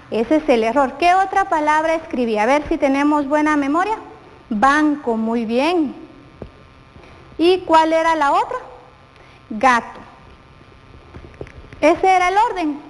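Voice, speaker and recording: Guatemalan woman teacher, high and slow, quizzing kids, long studio reverb. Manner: slow, questioning the viewers often. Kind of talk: televised classroom lesson.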